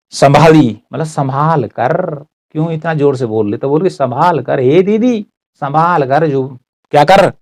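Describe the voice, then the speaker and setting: A man's voice: mid-range voice, darkish tone, no room sound. A dry-voiced man teaching word meanings. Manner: repetitive, checks in with "ठीक है". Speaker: teacher explaining Garhwali words. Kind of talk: explanatory word-by-word lesson.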